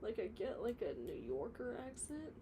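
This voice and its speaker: This woman's mid-range voice swings widely in pitch at a normal speed as she streams her stop-motion work from the floor of her home workspace. It's loose, casual chat: reading comments, rambling, muttering asides, all over a noisy background.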